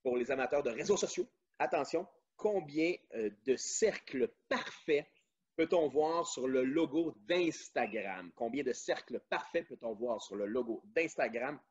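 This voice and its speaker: A man's voice: medium pitch, expressive, unhurried, slightly rough. A man from Quebec, hosting a family quiz and reading out questions and answer choices. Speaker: quiz host. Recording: dull lo-fi sound.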